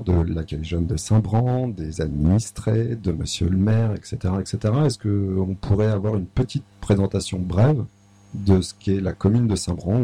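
A man's voice: on the low side, warm tone, breathy edge. A man interviewing a mayor, asking long, rambling questions full of fillers.

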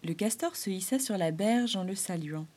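A woman narrating a storybook in a soft, measured, gentle way, sometimes dropping to a whisper. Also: mid-range voice, lively intonation.

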